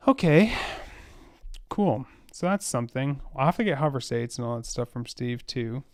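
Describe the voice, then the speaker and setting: A man's voice: medium pitch, lively intonation, moderate pace, a little mellow, no room sound, clean studio sound. A man casually thinking aloud as he writes code, rambling with fillers and exasperated laughs. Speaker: web developer coding on a live stream.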